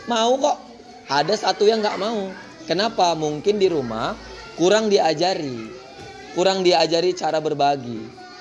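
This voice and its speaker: Animated man teaching parents. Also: high voice, a little slow. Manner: animated, mimics children's voices, keeps addressing the mothers. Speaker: kindergarten teacher addressing parents. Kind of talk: parent meeting talk.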